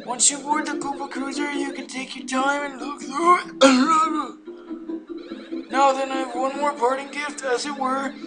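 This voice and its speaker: A man voicing a fussy elderly male steward from a video game, who talks slowly and formally with a quaver. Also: very high voice, level tone, pitched above the performer's own voice. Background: game music.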